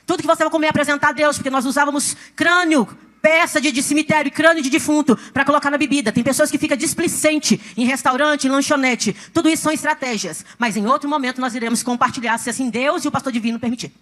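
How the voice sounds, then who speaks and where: A woman's voice: sits high, quick pace, a bit bright. A woman giving a dramatic church testimony in an emphatic way, acting out the voices she quotes, at a church service.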